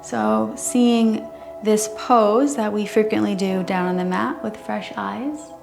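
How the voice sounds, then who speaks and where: A woman instructing a chair yoga class in a careful, unhurried way, gently guiding each movement. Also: mid-range voice, steady tone, gravelly. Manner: careful, unhurried, measured delivery. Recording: roomy echo, music underneath. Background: music.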